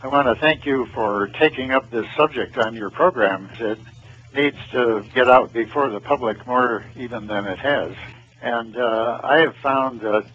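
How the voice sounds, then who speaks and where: An older man calls in to a talk show, his voice muffled by the phone line. He speaks in a measured, sincere way, with a slightly husky voice at a mid pitch. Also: a bit bright. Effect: heard over the phone line. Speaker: caller, retired physician. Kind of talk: casual call-in chat.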